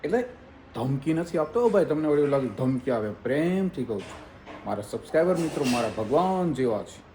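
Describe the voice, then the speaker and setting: A man's voice: medium pitch, expressive, a little fast, noisy background. A young man with a Saurashtra Gujarati accent vlogging casually, playful and teasing. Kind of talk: casual family vlog.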